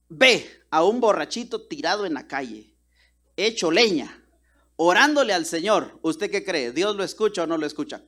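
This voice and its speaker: A man from Guatemala, preaching a sermon and telling stories, acting out the dialogue in different voices. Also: high voice. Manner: animated, acts out dialogue with voices. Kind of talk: sermon with storytelling.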